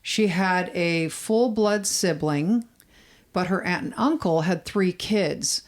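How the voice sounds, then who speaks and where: A woman's voice: on the low side, takes it slowly. Chatty American woman podcast co-host. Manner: chatty storyteller, frequent fillers. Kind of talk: casual true-crime podcast chat.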